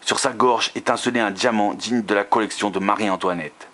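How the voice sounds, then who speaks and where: A man reading a romance novel aloud, steady, with occasional slips and restarts. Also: fairly low pitch, normal speed.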